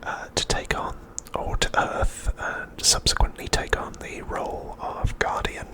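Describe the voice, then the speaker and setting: With measured, deliberate pacing, a man recaps an episode in a quiet, breathy whisper that carries no voice, in the manner of an ASMR host.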